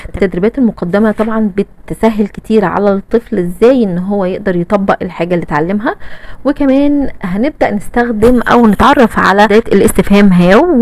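A woman's voice: medium pitch, dry recording, poor audio. A woman teacher with an Egyptian Arabic accent walks through a primary English textbook in a casual, chatty way, saying "okay" often and chanting short rhymes. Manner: chatty, repeats "tamam" and fillers, sing-song rhymes. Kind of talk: casual explanatory lesson.

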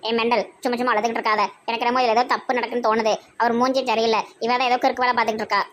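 A woman voicing a suspicious, bossy village woman who scolds in a lowered voice, with a Tirunelveli Tamil accent. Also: little pitch movement, very fast, fairly bright tone, a little hiss or hum, close to an everyday voice. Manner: low scolding.

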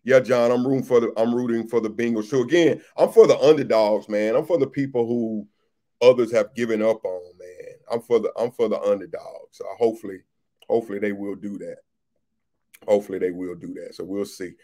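A man's voice: lowish voice, steady tone, brisk, warm tone. A man who is a pastor, hosting a casual livestream chat, reading out viewer comments and greeting people by name, often repeating his phrases.

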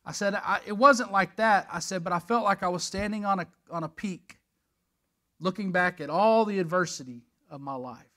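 A middle-aged man preaches a church lesson in a high, bright voice. He speaks earnestly and emotionally, telling personal stories and often restarting his sentences. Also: moderate pace. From Texas. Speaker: church leader giving a lesson.

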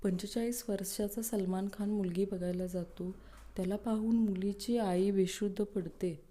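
Woman reading jokes; very dark, mellow tone, plain brisk delivery with small slips. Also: medium pitch, fairly even intonation. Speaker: joke reader.

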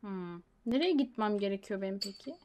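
A female gaming streamer gives casual, playful commentary in a mid-range, animated, brisk voice, talking to herself and slipping in English slang and swearing. Loud game music and sound effects play behind her, with a little hiss or hum.

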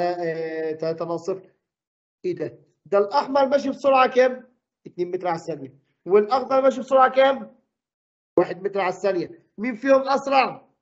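Man, Egyptian Arabic accent, physics teacher, quizzing questions, rapid, muffled lo-fi sound. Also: sits high. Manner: quizzes the class with quick questions. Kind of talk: classroom lesson.

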